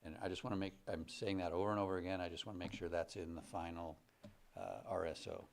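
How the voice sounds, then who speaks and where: A man with a very deep voice gives brief public comment into a podium microphone at a county board meeting. He speaks in a measured way and corrects himself once or twice along the way. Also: gravelly.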